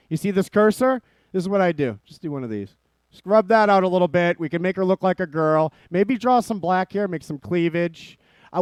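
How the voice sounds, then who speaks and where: A male stream host rambles on to his chat in a high, lively voice that swoops up and down. He swears freely and jumps from topic to topic. The sound is dry and close. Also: clean tone, no room sound. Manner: profane, rambling, addresses chat as ladies. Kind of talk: casual live-stream commentary.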